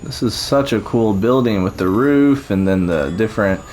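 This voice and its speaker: A man's voice: fairly low pitch, normal speed, darkish tone, slight background noise, rough recording. A man chatting casually and encouragingly as he tours a theme park build, rambling with fillers. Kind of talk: casual chat over gameplay.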